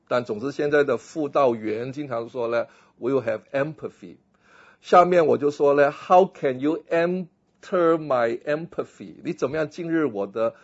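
A man, a pastor, giving a lively lecture on a philosophy text, acting out little scenes and slipping in English phrases. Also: medium pitch, gravelly, slightly rough, muffled recording.

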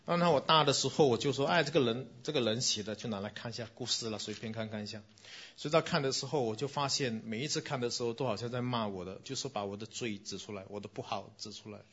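A middle-aged man, a pastor giving a gentle, conversational children's sermon and calling himself their uncle. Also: medium pitch, husky, dull audio.

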